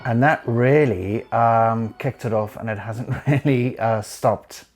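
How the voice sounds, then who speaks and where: A man in his forties from South Africa, a choreographer recounting his life story in a reflective, halting way with frequent pauses and restarts. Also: mid-range voice, darkish tone, soft background music.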